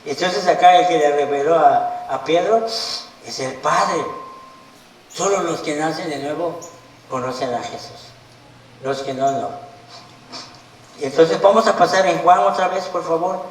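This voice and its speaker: A man preaching a sermon with a high, emphatic voice, asking his listeners questions as he goes. He sounds far from the microphone. The room around him rings with echo. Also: measured pace, pauses often, slight background noise. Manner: emphatic, asks the congregation questions. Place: meeting room of a Bible study group. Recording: echoey room, voice from the mic.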